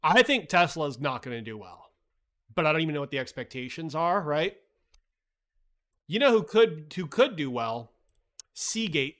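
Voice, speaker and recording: A livestream host with a fairly high, fairly bright voice chats animatedly about the market at a moderate pace, pausing often. He reads the chat, swears bluntly, and fills his casual talk with "like" and "right?".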